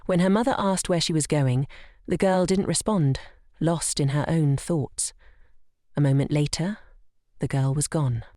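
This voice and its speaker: Mellow woman narrating a comic recap. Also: deep voice, a little slow, no room sound, clean studio sound. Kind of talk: scripted story narration.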